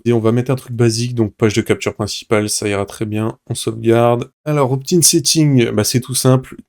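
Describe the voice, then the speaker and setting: A man hosting a casual screen-recorded software tutorial, talking informally to the viewer and narrating his clicks with little sounds like "hop" and "tac". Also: medium pitch, clear, resonant tone. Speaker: tutorial host.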